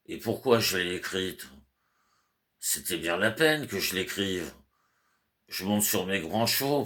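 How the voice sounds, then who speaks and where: A man's voice: extremely low pitch, a bit bright, heavily acted. A man voicing a frantic, fussy middle-aged clerk who scolds and then coaxes his servant. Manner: agitated, scolding then coaxing.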